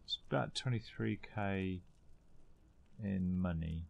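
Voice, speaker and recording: A man's voice: low-pitched, slow pace, creaky, muffled recording. A man streaming a game and chatting casually with a friend in a dry, mumbling way. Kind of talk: casual gameplay chat.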